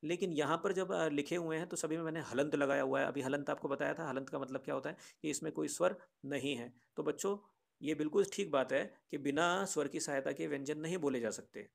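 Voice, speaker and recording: A man's voice: a little high, brisk, vocal fry. A man teaching a grammar lesson, patiently explaining to children and often asking rhetorical questions. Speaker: Sanskrit teacher.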